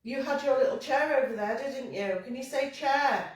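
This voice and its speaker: A woman's voice: sits high, moderate pace. Woman coaxing spirits in an echoey cellar. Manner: gentle coaxing, calls spirits sweetheart. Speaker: paranormal investigator. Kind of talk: ghost hunt calling out to spirits. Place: pub cellar. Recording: very echoey room from far off.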